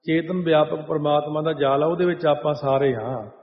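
A man giving a Sikh religious discourse. He sings lines of scripture slowly, then explains them in plain talk. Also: on the high side, steady tone. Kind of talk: sermon, chanting verses then explaining. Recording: echoey hall over a tinny line.

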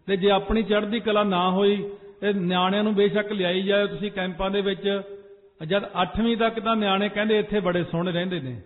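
A man's voice: high voice, fairly even intonation, fairly quick. A man preaching a Sikh sermon to a congregation, telling stories and sometimes chanting phrases. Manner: storytelling, exhorting the congregation. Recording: phone-like echoey hall recording.

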